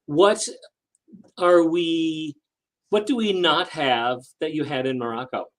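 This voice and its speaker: A man's voice: fairly high pitch, slow. A man hosting an interview, asking friendly prompting questions. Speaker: host.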